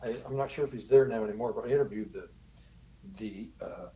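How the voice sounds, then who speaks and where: A man's voice: fairly low pitch, brisk, warm tone, rough recording. A man telling stories as a podcast guest, chuckling often as he talks. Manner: chuckling, storytelling. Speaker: guest, TV show host. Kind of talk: casual interview chat.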